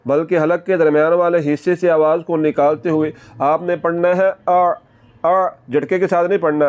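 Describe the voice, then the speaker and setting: A man's voice: sits high, darkish tone, smooth, dull audio. A man teaching Quran recitation step by step, patiently repeating and drawing out model sounds. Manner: patient, repetitive, drawn-out model syllables. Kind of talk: step-by-step pronunciation lesson.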